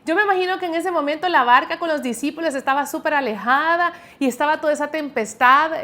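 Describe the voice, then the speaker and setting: A young woman delivers a sermon with a high, bright-toned voice. She speaks earnestly and with emphasis, leaning into the scripture she reads aloud. Her retelling of the passages is dramatic. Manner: earnest, emphatic preaching with dramatic reading of quotes. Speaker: preacher.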